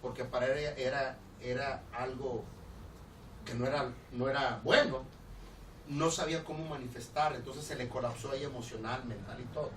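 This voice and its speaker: A man with a Mexican accent preaching a storytelling sermon as a pastor, animated and laughing, acting out the people in his story. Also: medium pitch, normal speed. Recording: roomy, distant church recording with background noise.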